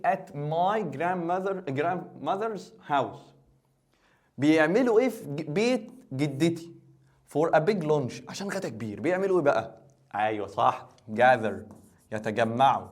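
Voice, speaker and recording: A man teaching English in Egyptian Arabic, joking as he translates and quizzes the student. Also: fairly high pitch. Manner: quick, joking, asks the student questions. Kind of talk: playful exam-review lesson.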